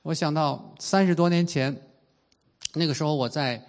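A pastor from China in his fifties preaches a sermon in a slightly high voice. He is earnest, slowing down and stretching out the key phrases.

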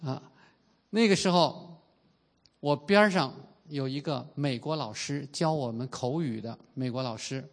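A man in his fifties preaching a sermon in an earnest way, slowing down and stretching out the key phrases. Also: medium pitch. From China. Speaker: pastor.

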